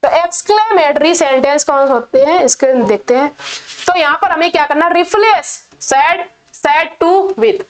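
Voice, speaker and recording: A woman's voice: high voice, expressive. A woman teaching an English grammar lesson in Hindi, patiently repeating each rule. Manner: slow, patient, repeats key points.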